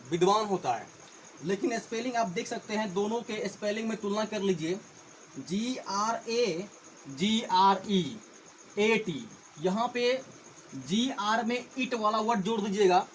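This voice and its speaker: A man's voice: sits high, a little hiss or hum, rough recording. A man teaching English vocabulary in Hindi. He spells each word out letter by letter, repeats it, and often calls his viewers friends.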